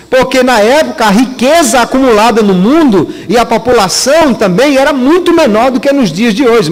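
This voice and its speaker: A man with a Brazilian Portuguese accent, a pastor preaching a teaching sermon to his congregation in a church. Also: very high-pitched. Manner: teaching, addresses congregation as brothers. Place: church hall. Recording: long church hall reverb.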